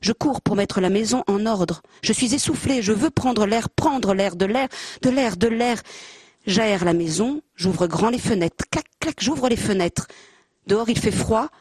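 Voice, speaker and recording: A woman whose talk stumbles and restarts as she gropes for her words, and who then reads a poem with rhythm. Her pitch sits mid-range, and the sound is dry and close, with no room echo. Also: lively intonation, measured pace, darkish tone, breathy edge. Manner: hesitant, searching for words, self-deprecating. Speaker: panel guest. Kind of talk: halting casual talk, then a poetry reading. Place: panel event with a handheld mic.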